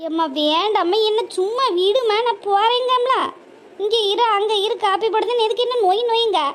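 A woman voicing a scheming, impatient grown daughter, scolding in a sharp, nagging way. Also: very high-pitched, moderate pace. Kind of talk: cartoon voice acting.

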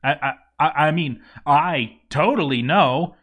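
In a dramatic reading of a game journal, a man voices a grouchy, boozy zombie dwarf overseer who stammers, grumbles, and rambles in exasperation. The delivery is hammy, with a fairly bright voice on the high side at a measured pace.

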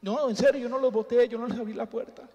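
A man with a strikingly high voice delivers a humorous sermon, mixing jokes and stories with preacherly appeals to the congregation. His voice rings with the long reverb of a church hall. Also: steady tone, fast, warm tone. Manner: jokey, preacherly, addresses the congregation as brothers. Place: church sanctuary.

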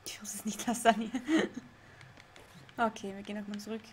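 A woman's voice: medium pitch, little pitch movement, normal speed, a little hiss or hum. A young woman streaming a game live, chatting with her chat, laughing often and getting confused. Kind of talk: live let's play with chat reading. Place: home room.

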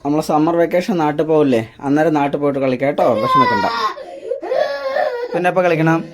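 A man in a casual family vlog at home, gently coaxing and soothing a crying child. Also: on the high side, fairly even intonation, racing, heavy background noise. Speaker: family vlogger.

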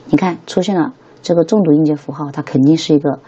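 A woman's voice: deep voice, fairly even intonation, fast, mellow, breathy edge, muffled recording. A young woman teaching an English lesson in a casual, chatty way, often checking with her listeners.

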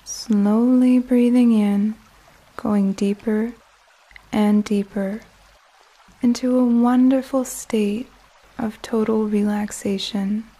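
A woman guides a sleep meditation in a soft, soothing voice that's slightly high but mellow, moving gently and unhurriedly with long pauses. Soft music and the sound of flowing water play in the background.

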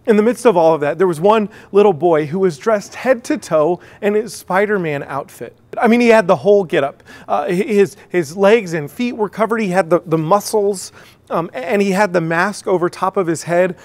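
A man's voice: high-pitched, moderate pace. A middle-aged man with an American Midwest accent, a pastor giving a sermon in a conversational way, full of fillers and restarts.

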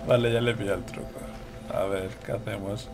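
A man's voice: fairly low pitch, fairly even intonation, brisk, music in the background. A young man with a Spain Spanish accent commenting casually on his gameplay, swearing, laughing and talking to his viewers. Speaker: gameplay streamer.

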